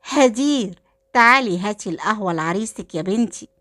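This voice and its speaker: A woman's voice: mid-range voice, animated, fairly quick, fairly bright tone, no room sound, clean studio sound, lightly acted. Lady playing a fussy middle-aged egyptian mom, sweet talk, watchful, storybook. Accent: Egyptian Arabic. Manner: sweet-talking, then suspicious.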